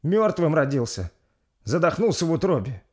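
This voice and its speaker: A man's voice: on the high side, sing-song, normal speed, voice pushed up. A man doing a stern old midwife. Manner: blunt shouted commands.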